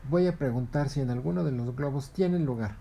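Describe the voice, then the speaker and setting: A man's voice: medium pitch, brisk, vocal fry, warm tone, voice pushed up, lightly acted. A man voicing a small, eager male monkey who pleads hopefully in a spoken storybook. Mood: eager pleading.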